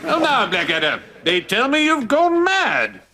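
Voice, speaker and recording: A booming, pompous old general who bursts into braying laughs. His voice sits high and carries over a steady hiss of background noise from a played-back TV clip. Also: measured pace, full character voice. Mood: blustering. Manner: loud braying laughs, bombastic. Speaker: general in a TV comedy.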